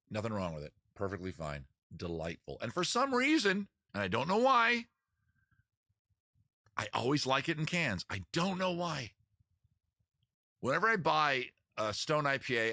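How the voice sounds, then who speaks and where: A man with a fairly low, bright, forceful voice hosts a live-streamed show mixing beer and songs, sitting under a small outdoor rain tent. As a singer-guitarist, he rambles between songs, makes self-mocking jokes, and talks with the chat. The live-stream mic gives a dry, studio-quality recording, backed by guitar.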